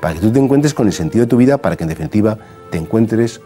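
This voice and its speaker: Delivering a gospel homily in a conversational style, a middle-aged man with a Spanish accent, a priest, asks earnest rhetorical questions. He speaks very fast in a mellow, low-leaning voice with lively intonation, over faint background music.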